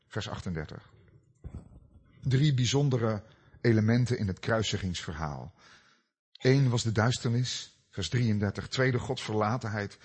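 A middle-aged man preaching a sermon, telling stories with dramatic swings between loud cries and hushed, low passages. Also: breathy edge. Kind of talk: sermon with personal story.

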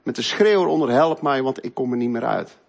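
A middle-aged man telling an earnest, emotional personal faith testimony, moving between loud stretches and hushed ones. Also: mid-range voice, lively intonation, brisk, gravelly. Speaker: speaker giving a faith testimony.

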